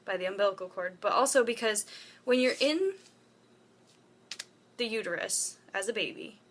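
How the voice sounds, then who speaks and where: A woman's voice: mid-range voice, moderate pace, fairly bright tone. A young woman talking casually to her phone camera at home, rambling with lots of fillers and asides. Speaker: vlogger. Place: room at home with a window open. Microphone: phone propped up.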